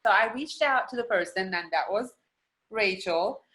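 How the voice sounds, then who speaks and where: A woman's voice: mid-range voice, normal speed. Earnest woman in her forties, stuffy voice. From Germany. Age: 40s. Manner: earnest and steady, telling her story. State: stuffy from allergies. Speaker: guest. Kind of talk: personal story on a video call.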